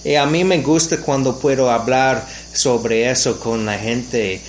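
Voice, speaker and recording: Canadian man interviewing in halting, second-language phrasing. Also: mid-range voice, a little hiss or hum. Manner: frequent "ujú" backchannels, halting non-native phrasing. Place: outdoors at a ranch.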